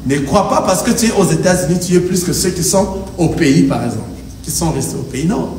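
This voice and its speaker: A pastor preaches a sermon in a church hall, emphatic and rhythmic, as the congregation calls back "amen." His voice sits on the high side, expressive, a little fast and a little mellow. The hall is echoey, the mic distant, with faint noise.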